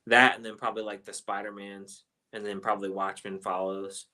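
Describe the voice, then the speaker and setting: A man with a fairly low voice and a bright, forceful tone hosts a casual film chat. He rambles loosely, circling back through his points with plenty of ums and uhs. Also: little pitch movement, brisk, rough recording. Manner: loose, rambling delivery with many fillers. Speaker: host of a movie review chat.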